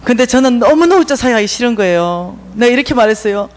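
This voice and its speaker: A middle-aged woman with a Gyeongsang accent, telling stories in a church seminar and acting out the dialogue with big jumps in pitch and volume. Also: expressive, quick pace. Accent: Gyeongsang Korean. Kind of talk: lively storytelling lecture. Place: church lecture hall.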